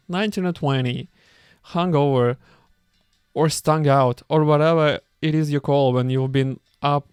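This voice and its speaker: A man's voice: mid-range voice, a little mellow, smooth, no room sound, studio quality. A man reading a book aloud with commentary, stumbling now and then and breaking off with amused asides. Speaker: reader.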